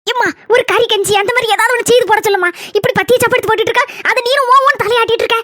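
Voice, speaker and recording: A woman voicing a vain, sharp-tongued pregnant young wife in a comic cartoon, with a Kanyakumari Tamil accent and a scornful, whiny manner. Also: very high voice, fairly even intonation, very fast.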